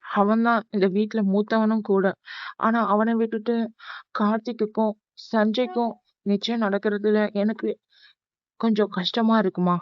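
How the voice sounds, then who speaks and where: A woman's voice: medium pitch, level tone, normal speed, long pauses, dry recording, lo-fi sound, close to an everyday voice. A woman voicing a scheming middle-aged aunt who pleads and pushes emotionally. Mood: pleading. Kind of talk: cartoon voice acting.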